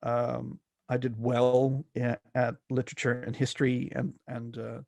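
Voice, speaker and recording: The middle-aged South African guest scholar here speaks in a monotone, at a medium pitch, unhurried, creaky and mellow. His accent is a mostly Australian blend, and he hesitates through fillers and restarts during the academic interview. Clean studio sound with no room tone.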